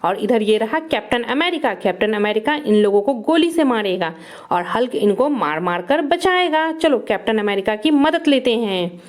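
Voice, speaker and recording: A woman narrating toy play for children in an excited, exclaiming way, cheering the toys on. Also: on the high side, normal speed.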